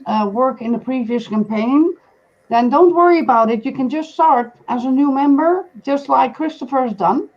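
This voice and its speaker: A woman's voice: sits high, dull audio. A woman hosting a casual live-stream chat over a video call, asking guests questions and advising viewers. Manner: guiding, asks questions, gives advice to viewers.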